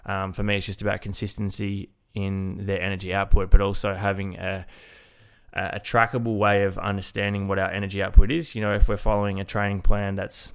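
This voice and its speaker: Low, nasal man, even pitch. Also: a little fast, clean tone. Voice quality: nasal, congested-sounding. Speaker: podcast host, fitness coach. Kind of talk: casual solo podcast talk.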